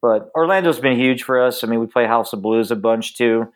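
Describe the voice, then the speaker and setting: A man speaking as a musician guest in a casual interview, halting often with frequent ums and uhs. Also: mid-range voice.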